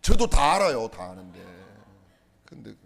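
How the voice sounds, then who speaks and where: In a church sanctuary, a middle-aged male pastor gives a funny sermon, playfully teasing the congregation with jokes and questions put to the audience. His medium-pitched voice is sing-song, slightly bright, and unhurried, with some vocal fry.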